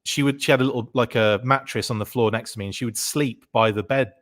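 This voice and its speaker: A man's voice: mid-range voice, fast talker, fairly bright tone. Rambling man, podcast guest. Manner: rambling, full of fillers and restarts. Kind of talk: casual chat.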